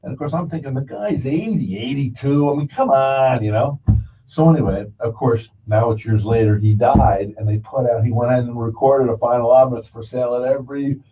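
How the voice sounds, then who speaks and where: On the broadcast show, the host tells rambling, folksy stories in casual conversation, voicing the people in them. He speaks fairly quickly at medium pitch with a warm tone, picked up dully by a distant mic with faint noise.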